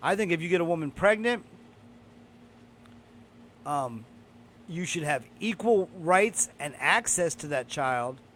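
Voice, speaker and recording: A man's voice: on the high side, expressive, a little slow, pauses often, a bit bright, slight background noise. A man hosting a casual podcast, talking in a blunt, profane, opinionated way. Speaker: podcast host.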